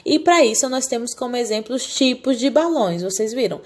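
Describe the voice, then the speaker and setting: A primary school teacher with a fairly high, animated voice teaches a recorded lesson to young children at a fairly quick pace. She explains patiently, talking down gently to the little ones, and keeps asking the class questions that she then answers herself.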